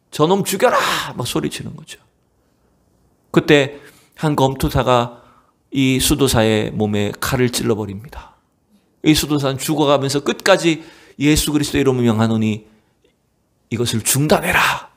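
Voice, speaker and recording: A man preaching a sermon as pastor of a church. He tells a story dramatically, asks the congregation rhetorical questions, and swings between raised exclamations and hushed near-whispers. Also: on the high side, creaky. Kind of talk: Wednesday evening sermon. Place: church sanctuary.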